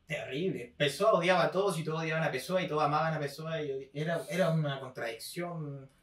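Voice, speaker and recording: A man's voice: fairly high pitch, fast. A young man with a Chilean accent, co-hosting a casual literary podcast and tagging his points with checks like "¿cachai?". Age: young adult. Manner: frequent "¿cachai?" and "¿me entiendes?" tags. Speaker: podcast co-host. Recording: roomy echo, mic at a distance.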